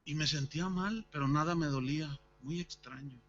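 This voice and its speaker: A man's voice: fairly high pitch, normal speed, muffled recording, slight background noise. A man preaching at a church service, telling a personal story and acting out its dialogue. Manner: animated, acts out the dialogue of his story. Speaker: pastor.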